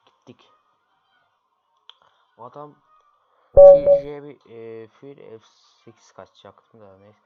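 His voice is lowish and creaky as he talks through his own online chess games. The streamer keeps grumbling and muttering in frustration at whoever he's playing, and the lo-fi recording carries loud background noise.

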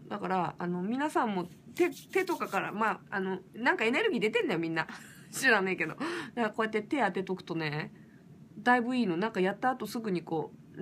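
Lively woman chatting on a late livestream. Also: mid-range voice, a little fast, slight background noise. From Fukushima. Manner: lively, rough casual speech with frequent laughs. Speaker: singer livestreaming. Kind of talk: casual late-night livestream chat.

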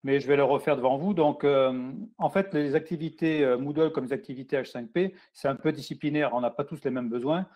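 A man's voice: mid-range voice, fairly even intonation, fairly quick, hardly any pauses, lo-fi sound. A man giving a screen-share tutorial to teachers, explaining plainly with frequent fillers. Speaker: teacher trainer.

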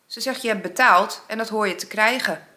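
A woman's voice: medium pitch, fairly quick, sharp tone. A woman vlogging, casually telling a story and acting out both sides of an argument. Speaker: vlogger, single mother.

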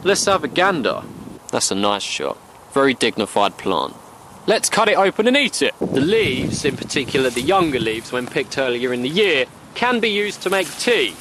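A man's voice: on the high side, a bit bright, a little hiss or hum. A young man from the UK narrating a bushcraft trip outdoors in a playful, slangy way. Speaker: bushcraft vlogger. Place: outdoors in woods and meadow.

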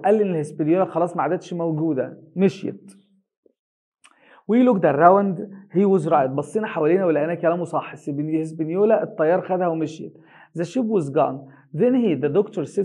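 An English teacher with an Egyptian Arabic accent, who reads a story slowly in English and translates each line quickly into colloquial Arabic. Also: male voice, high voice, mellow. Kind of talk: reading an English reader aloud line by line and translating it.

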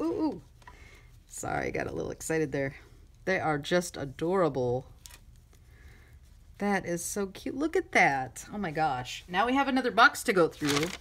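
A middle-aged woman crafting vlogger gushing excitedly over a mail swap, chatty and full of fillers. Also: deep voice. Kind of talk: casual unboxing chat. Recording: noisy room with crinkling and clicks.

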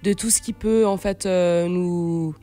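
Casual and hesitant, a woman in her late 20s, a singer-songwriter from Switzerland who moved to Brazil as a teen, talks as a radio interview guest. Her lowish, mellow voice is slow and fairly even. The close studio mic gives a dry sound, with soft music underneath.

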